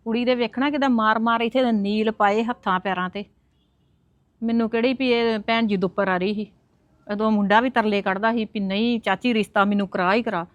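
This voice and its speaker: A woman plays a middle-aged aunt who defends herself and pleads in a slightly high voice. The recording is dull and dry. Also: fairly even intonation, fairly quick, no echo, natural voice. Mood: defensive. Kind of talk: web drama acting.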